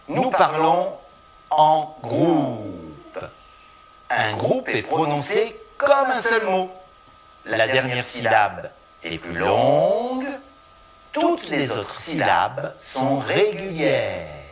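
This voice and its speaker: A man's voice: mid-range voice, huge pitch swings, extremely slow, a loud crowd. A man leading a scripted pronunciation drill, chanting rhythm syllables and stretching the last syllable of each phrase. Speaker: pronunciation instructor in a course video.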